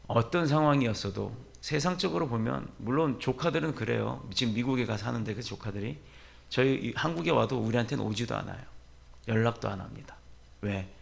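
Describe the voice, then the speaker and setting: A middle-aged male pastor preaching a sermon, moving from quiet storytelling to loud, rising exhortation. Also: mid-range voice, vocal fry.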